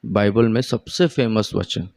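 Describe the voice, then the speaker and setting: A man preaching a sermon as pastor, speaking in an unhurried, conversational way and putting questions to his congregation. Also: lowish voice, vocal fry, darkish tone, no echo. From India.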